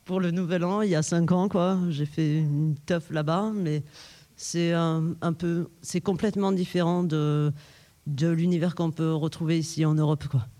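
Unhurried man with a warm voice. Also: on the high side, steady tone. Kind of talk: casual group chat.

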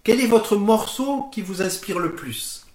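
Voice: medium pitch, lively intonation, unhurried, darkish tone, echoey room. A radio interviewer asking polite, formal questions.

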